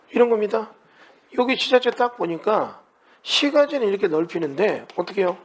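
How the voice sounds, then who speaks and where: Male lecturer, high voice, lively, conversational, rhetorical questions. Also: husky. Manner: conversational, keeps asking the class rhetorical questions. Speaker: real estate lecturer. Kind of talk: classroom lecture.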